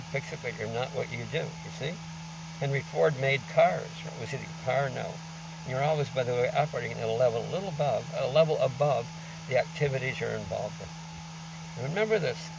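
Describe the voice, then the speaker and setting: A man speaks through a face mask with a creaky, gravelly voice. He rambles informally like a vlogger, halting and then pressing his points. He is recorded outdoors at some distance from the mic, with very loud background noise. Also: medium pitch. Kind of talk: rambling informal monologue to camera. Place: outdoors on a beach.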